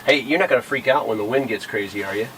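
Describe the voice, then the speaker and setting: A man speaks at a medium pitch in a plain, casual explanatory way, like a sailor walking viewers through his boat. Clear windy ambient noise sits behind his voice. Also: fast talker. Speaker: liveaboard sailor, vlog host.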